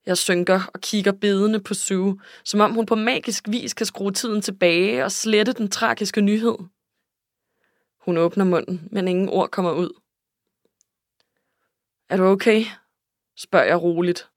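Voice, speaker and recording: A woman's voice: medium pitch, fairly even intonation, dry recording. Woman narrating an audiobook, dry close sound. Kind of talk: scripted first-person narration.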